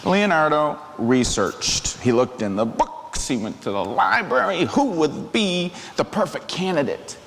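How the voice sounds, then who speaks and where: Seated among children in a large church hall, a middle-aged man reads a picture book aloud, playful and animated, with chatty asides to the kids. His fairly high, slightly bright voice swings widely in pitch, a little slow with few pauses. A lavalier clipped to his shirt picks up a reverberant hall and faint background noise.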